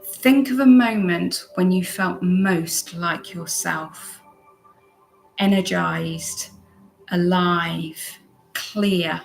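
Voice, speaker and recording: A woman guides relaxation in a soft, calm spa-like voice. Her pitch sits slightly low and her pace is very slow, leaving long pauses between short phrases. Faint music plays behind her. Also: vocal fry, reverberant. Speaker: guided meditation and gentle movement instructor. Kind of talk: guided meditation and relaxation instruction. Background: background music.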